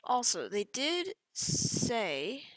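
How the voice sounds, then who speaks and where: Drawing out her words, a young female gaming YouTuber talks through a game update over screen capture with huge pitch swings. Her voice is on the high side and fairly bright, captured in a dry recording. The walkthrough is casual and chatty, with sentences that often trail off.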